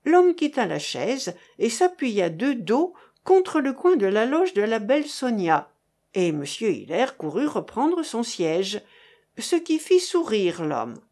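A woman reads a novel aloud at an unhurried pace. Her delivery is expressive, with a lively, wide-ranging pitch. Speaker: narrator. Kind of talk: audiobook reading of a novel.

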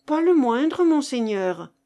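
A woman's voice: high voice, big pitch swings, takes it slowly, dark tone, full character voice. A woman reading aloud, voicing a young woman who is spirited yet hesitant, with a raised voice. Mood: pleading. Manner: lightly defiant.

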